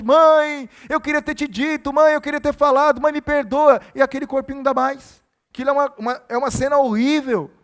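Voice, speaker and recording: A male pastor preaching a sermon, earnest and exhorting, repeating his key phrases for emphasis. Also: very high voice.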